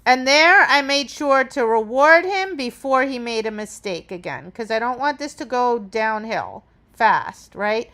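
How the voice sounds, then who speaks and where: A woman's voice: on the high side, animated, unhurried, a bit bright. A woman dog trainer talking through a training demonstration, explaining each step and checking in with "right?". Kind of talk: instructional demonstration.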